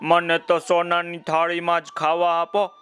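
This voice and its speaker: A man voicing a greedy, lazy young girl in a children's story, making bossy, shrill demands. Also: completely flat delivery, a little slow, a bit bright, clean tone. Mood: demanding.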